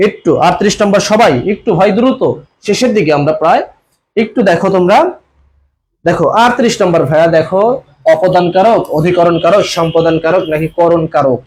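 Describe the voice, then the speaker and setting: A young man leads a live exam-prep class online. His voice sits high and he talks fast. He circles back to each question again and again, urging viewers to type their answers. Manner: repetitive, coaxing, repeats questions and urges comments. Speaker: admission coaching teacher.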